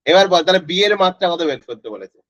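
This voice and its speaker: A man's voice: high-pitched, animated, fast, a bit bright, no room sound. A male physics tutor, teaching an online class in a casual way and quizzing students by name. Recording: dry, slightly dull lo-fi audio.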